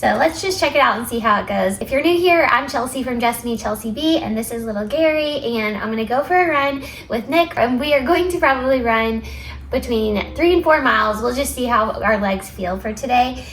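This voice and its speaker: A woman's voice: a little high, animated, a little fast, a bit bright, a little hiss or hum. A woman hosting a vlog, talking in a casual, conversational style. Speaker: vlog host. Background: music.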